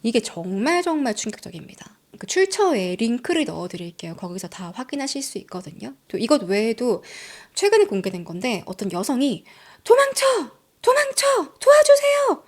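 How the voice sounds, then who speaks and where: A woman's voice: medium pitch, sing-song, a little fast, few pauses, a little mellow. A woman hosting a channel, telling a true-crime story in a conversational, dramatic way, sometimes dropping into a whisper for emphasis. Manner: conversational, addresses viewers directly. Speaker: channel host.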